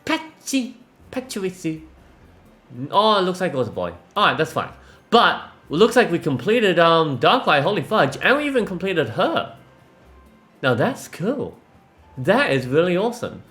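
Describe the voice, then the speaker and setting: Excitable male gaming host. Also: high-pitched, moderate pace, faint music behind. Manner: excitable, exclaims often, stumbles over words. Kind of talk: casual gameplay commentary.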